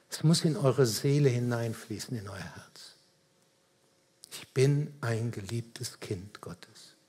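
A man's voice: medium pitch, darkish tone. A man preaching a sermon in a church service, earnest and emphatic, speaking directly to the congregation and driving points home through repetition. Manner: earnest, emphatic with repeated phrases.

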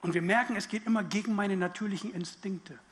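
Give me a high-pitched man giving a lively sermon who keeps asking his listeners questions. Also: fast. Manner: acts out inner voices in quotes. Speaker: preacher.

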